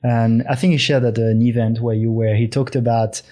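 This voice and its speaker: A man's voice: mid-range voice, level tone, a little fast, warm tone. A man hosting a conversational interview, speaking in a reflective, tentative way. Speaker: show host interviewer.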